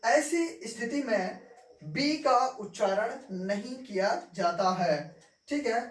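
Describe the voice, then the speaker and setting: A woman with a somewhat high voice teaches at a very slow, deliberate pace. She repeats each point and keeps asking whether it's clear. The sound comes from a roomy, echoey space, with the mic set some distance away. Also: expressive. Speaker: English teacher. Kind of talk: classroom-style lesson. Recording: echoey room, mic far off.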